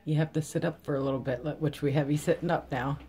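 A middle-aged woman in casual conversation, gently coaxing and reassuring as a parent, explaining things simply. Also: deep voice, fairly even intonation, quick pace. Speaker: parent looking after a patient. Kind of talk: casual chat. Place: small recovery room, indoors.

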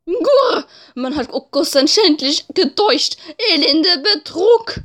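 A woman voicing a furious, pompous male pigeon from a video game, with cooing shouts and grandiose talk of himself in the third person. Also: very high voice, animated, slow pace, heavily acted. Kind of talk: video game character voice in a let's play.

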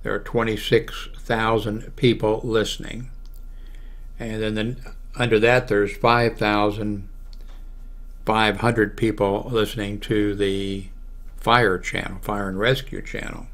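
An older American man with a low, fairly bright voice gives a casual, unscripted screen walkthrough as a how-to video blogger. He speaks haltingly, thinking aloud while clicking through pages. He's in a small room at home, close to a large desktop microphone.

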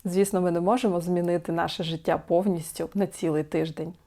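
A woman talking to camera in a self-help video, calm and coaching, asking the listener many questions. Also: lowish voice, brisk, slight background noise. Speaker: support group host.

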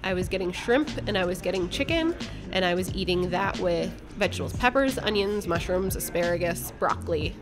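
A woman's voice: lowish voice, animated, brisk, over music. Blunt, candid woman telling her story. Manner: swears casually. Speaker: podcast guest. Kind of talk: telling a personal story in conversation.

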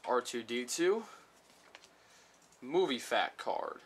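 A man's voice: mid-range voice, animated, a little hiss or hum. Rambling man reading out trading cards. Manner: rambling, reads card titles aloud slowly. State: slightly sick. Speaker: card unboxing vlogger. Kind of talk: casual unboxing chat. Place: small room at home.

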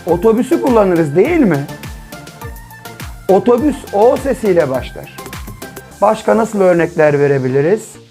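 A man's voice: high voice, expressive, moderate pace, pauses often, warm tone, faint music behind. A male primary school teacher giving a children's literacy lesson, patiently asking questions and answering them himself. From Turkey. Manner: patient, asks and answers his own questions.

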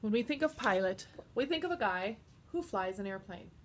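A woman teaching a children's Bible lesson, telling the story slowly and expressively and stopping to explain simple words. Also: medium pitch, lively intonation, slight background noise.

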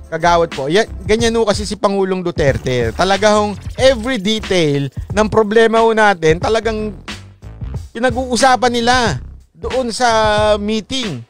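A man's voice: high voice, lively intonation, normal speed, soft background music. A man giving casual, rambling commentary, chatting with polite asides and laughing at his own jokes.

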